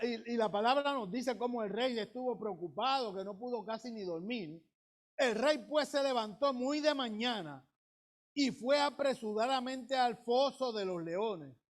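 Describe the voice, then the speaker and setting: High-voiced male pastor preaching. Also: expressive. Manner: retells the scripture story with drawn-out emphasis. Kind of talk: sermon.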